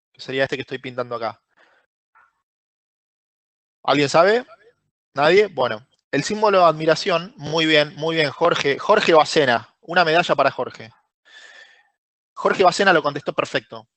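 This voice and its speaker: A man's voice: a little high, a bit bright, no room sound. Rioplatense man teaching a live class. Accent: Rioplatense Spanish. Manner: asks the class questions and praises answers by name. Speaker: Excel course instructor. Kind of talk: live online class, explaining step by step.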